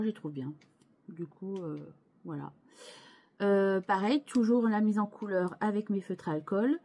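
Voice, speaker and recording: Slow-talking woman showing her crafts. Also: mid-range voice, dark tone. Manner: hesitant, many fillers and restarts, chatty asides to viewers. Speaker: scrapbooking channel host. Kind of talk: casual show-and-tell of craft pages.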